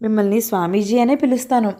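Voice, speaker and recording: A woman's voice: fairly high pitch, fast, warm tone, natural voice. A woman voicing a humble middle-aged male temple security guard who speaks in an imploring way, in an audio story. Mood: pleading.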